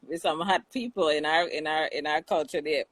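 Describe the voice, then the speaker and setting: A woman's voice: low voice, moderate pace, no room sound, rough recording. Jamaican woman co-host, easy banter, frequent laughs, dead-dry sound. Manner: chatty, laughs often, many restarts. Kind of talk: casual chat.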